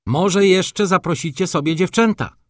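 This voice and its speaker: A man's voice: sits high, measured pace, fairly bright tone, no room sound, studio quality, pitched above the performer's own voice. A man voicing a brusque, sardonic middle-aged doctor in an audiobook, scolding and ironic.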